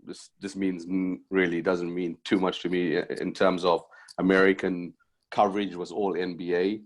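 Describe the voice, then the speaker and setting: On a podcast, a middle-aged basketball coach from Zimbabwe wanders through stories of his past in easy interview chat. He speaks at normal speed in a very low, deep, level voice, often restarting and padding pauses with "um" and "you know."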